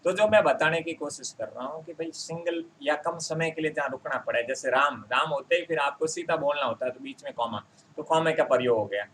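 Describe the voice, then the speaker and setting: A man teaching a grammar lesson for exam preparation, speaking, calling the viewers friends and slowing down to repeat example sentences. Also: fairly high pitch, a bit bright, slight background noise, poor audio.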